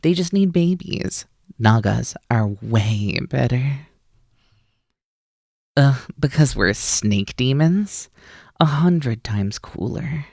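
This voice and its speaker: An ASMR roleplay performer voices a mischievous, teasing naga snake-demon roommate who playfully coaxes and likes to be in charge, here sounding mock offended. The voice sits in the mid range with a darkish tone, recorded as clean studio sound without echo.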